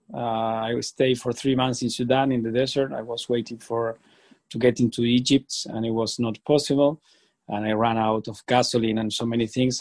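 A man from Argentina with an Argentine Spanish accent, a chef answering interview questions in a hesitant, halting way with many fillers. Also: medium pitch. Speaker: chef, guest.

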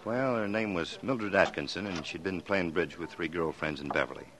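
An actor playing a tired police detective in a 1940s radio drama, laying out the facts in a plain, matter-of-fact way. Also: male voice, deep voice, moderate pace, fairly bright tone, rough recording. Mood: weary.

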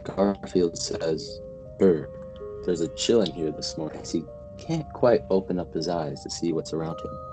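A man giving a mock-dramatic spooky reading of comic strips, slow and theatrical. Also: sits low, poor audio. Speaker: podcast co-host.

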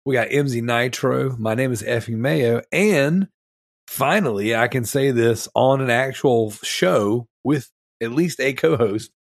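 A man's voice: medium pitch, measured pace, gravelly, no echo, clean studio sound. A man hosting a casual podcast, wheezy and stuffed up from being sick, rambling enthusiastically in loose slang. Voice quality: wheezy, congested, snotty. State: sick with strep throat, mouth-breathing. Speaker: podcast host. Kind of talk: casual chat.

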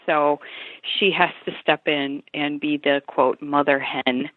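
Low-voiced woman on a phone line. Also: fairly even intonation, slow pace, no echo. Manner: chatty, with many fillers and restarts. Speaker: author. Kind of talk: casual interview talk.

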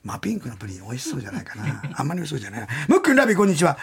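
Lively high-voiced male radio host. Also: vocal fry, slightly rough. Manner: lively, laughing, quick banter. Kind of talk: casual chat, reading listener mail.

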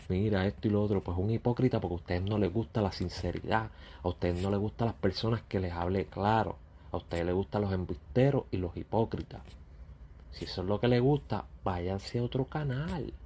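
A male YouTuber rants bluntly and confrontationally straight at his critics in a monologue. His voice is gravelly and husky, somewhat low and mellow.

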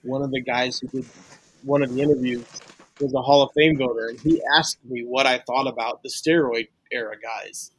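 A man's voice: mid-range voice, fairly even intonation, moderate pace, husky. A man from St. Louis, a sportswriter guest on a casual podcast, talking earnestly and restarting his sentences as he thinks aloud. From St. Louis, USA.

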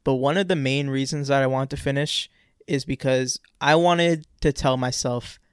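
A man's voice: medium pitch, fairly even intonation, moderate pace, smooth, no echo, studio quality. A man in his twenties co-hosting a podcast, chatting casually and repeating words as he rambles. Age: 20s. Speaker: podcast co-host. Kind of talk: casual chat.

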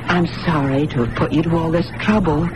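A woman's voice: low-pitched, fairly even intonation, brisk, lightly acted. An actress playing an earnest, troubled blind girl in a radio drama. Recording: noisy old radio broadcast.

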